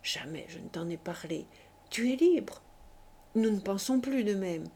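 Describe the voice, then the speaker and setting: A woman voicing a gentle, self-effacing older brother who speaks tenderly and softly. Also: fairly high pitch, animated, unhurried. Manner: tender, soft-spoken.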